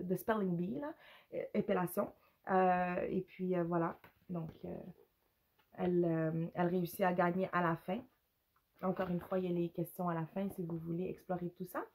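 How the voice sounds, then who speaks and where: A woman with a Quebec French accent casually reviews books to camera, unscripted, rambling and hesitating, with English words slipped in. She's a mother, and her mid-range voice is hoarse and gravelly, with a cough.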